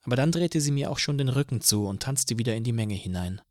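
A male audiobook narrator who tells the story in the first person, calm and measured. His voice sits at a middle pitch. The recording is dry and close, with no room sound. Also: no room sound.

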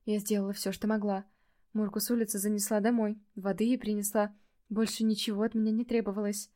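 A woman reads a first-person fantasy story aloud in a mellow, warm voice. Her storytelling is measured, turning livelier when she speaks the dialogue and dropping softer in reflective moments. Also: mid-range voice, flat delivery. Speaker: audiobook narrator.

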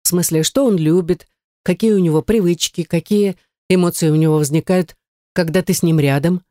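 Brisk bossy young student girl, read by a woman. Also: on the low side, dark tone, dry recording, studio quality, lightly acted. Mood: scheming. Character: lively teasing young woman student friend. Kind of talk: audiobook character reading.

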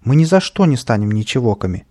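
A man's voice: mid-range voice, sing-song, fast, warm tone. A man voicing a young boy and girl together, crying out in dismay and refusal. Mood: protesting. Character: two scared but stubborn young children.

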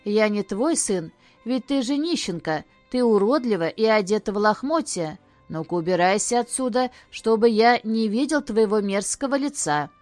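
A woman's voice: medium pitch, lively intonation, normal speed, a little mellow, no echo, soft background music, lightly acted. A woman doing a sneering haughty boy. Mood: scornful. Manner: sneering, contemptuous. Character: vain cruel boy, haughty and scornful.

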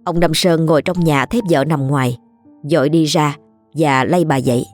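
Woman narrator, low voice, somber ghost-story narration, faint music. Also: fairly even intonation, moderate pace.

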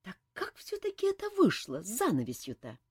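A woman reading an audiobook, voicing a brisk, hospitable noble lady. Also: mid-range voice, wildly swooping pitch, husky, dry recording, studio quality, voice pushed up.

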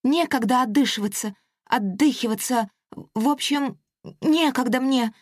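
A woman reading a storybook aloud and voicing a small, excitable girl air fairy who talks in an eager, insistent rush. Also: high voice, normal speed, dry recording, clean studio sound, voice pushed up. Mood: excited. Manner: breathless, insistent, bubbly.

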